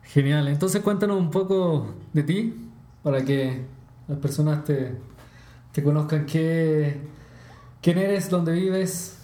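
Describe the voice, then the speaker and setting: A man's voice: on the high side, takes it slowly, warm tone, echoey room. A man interviewing a former classmate in a friendly, curious way. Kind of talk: casual interview.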